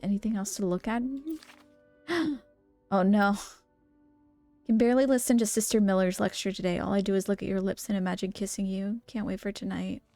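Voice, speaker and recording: A woman's voice: mid-range voice, steady tone, quick pace, few pauses, warm tone, no room sound, faint music behind. A woman streaming a game, reading in-game letters aloud and reacting with gasps and laughs. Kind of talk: let's play commentary, reading notes and letters aloud.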